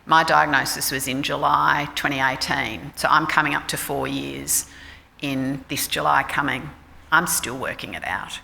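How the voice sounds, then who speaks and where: A woman's voice: rumbling low, a little slow, vocal fry, sharp tone, slight background noise. A middle-aged Australian woman, a clinical psychologist, giving a frank, conversational talk at a forum. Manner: frank, conversational, self-deprecating. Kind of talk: informal public talk. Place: forum hall. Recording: reverberant hall with faint ambience.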